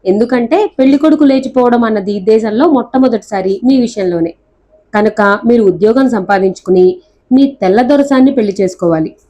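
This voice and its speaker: A woman voicing a clever, quick-witted young woman who scolds and pleads theatrically in a storybook reading. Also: fairly high pitch, dark tone, muffled recording, lightly acted. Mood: brisk.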